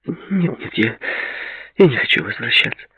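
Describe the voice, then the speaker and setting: A man reading an audiobook puts on a soft, raised voice for a drunk, dazed young woman. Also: medium pitch, very animated, moderate pace, husky, dry recording, recorded from a distance, highs cut off, pitched above the performer's own voice, full character voice. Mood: pleading.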